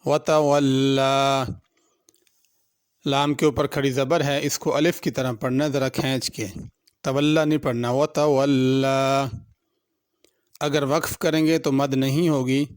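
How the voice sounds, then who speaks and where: A man's voice: mid-range voice, fairly even intonation, no room sound, clean studio sound. A man with a Pakistani Urdu accent teaching Quran tajweed, patiently and methodically explaining each pronunciation rule. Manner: patient, methodical, repeats each word slowly before explaining the rules. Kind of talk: tajweed lesson, alternating slow drawn-out recitation with spoken explanation.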